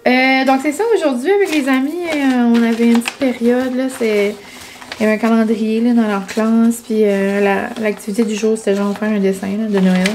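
A woman's voice: a little high, steady tone, normal speed, darkish tone, slight background noise. A young woman with a Quebec French accent chatting casually to camera, full of fillers and English words. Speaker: vlogger. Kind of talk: casual vlog chat.

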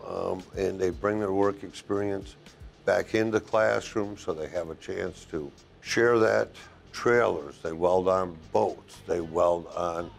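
A very low-voiced man in his sixties speaks as a welding instructor, listing points slowly with pauses. He is recorded on a lapel mic in a classroom. Soft guitar music plays faintly beneath him. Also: creaky. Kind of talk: interview answers to a program video. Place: classroom, indoors.

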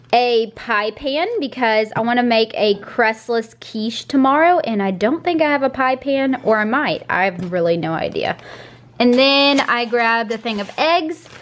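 High-voiced chatty woman vlogger. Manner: chatty, upbeat, baby-talks to her dogs. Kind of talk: casual vlog talk to camera. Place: home kitchen and car. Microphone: handheld camera at arm's length.

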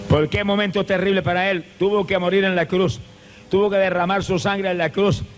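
A male evangelist preaching a fervent revival sermon, with impassioned repeated cadences and bursts of shouted praise. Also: high-pitched. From Puerto Rico.

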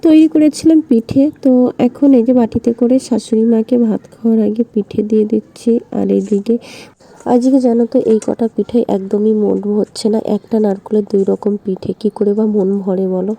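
A woman's voice: a little high, a little fast, dark tone, low-quality recording. A tired, unwell woman talking in a weary, plain way in a casual home vlog.

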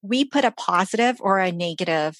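A woman's voice: medium pitch, lively intonation, fairly quick, fairly bright tone, dry recording. A woman who grew up in Los Angeles, a life coach talking in a casual interview with upbeat, earnest motivation. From born in China, grew up in Los Angeles. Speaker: life coach, podcast guest.

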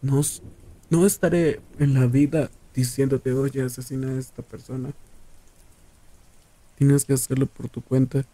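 A man playing a menacing, possessive serial killer lover in an ASMR roleplay, taunting and condescending in a drawn-out way. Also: medium pitch, level tone, mellow, natural voice, low-quality recording. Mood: irritated, commanding.

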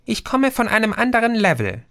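A man's voice: sits high, very animated, fairly quick, gravelly, a bit bright, dry recording, clean studio sound, voice pushed up, full character voice. A man voicing a tiny, chatty female alien sprite in a read-aloud storybook. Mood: breezy.

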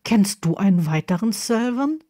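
A woman voicing a sharp-witted young male wizard who speaks in a dry, skeptical way. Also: medium pitch, lively intonation, moderate pace, no echo, natural voice.

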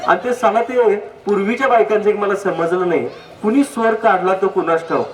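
A man's voice: high voice, normal speed, a crowd in the background. A man giving a humorous public talk on health, full of anecdotes and direct questions to the audience. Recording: echoey hall, distant mic, faint noise.

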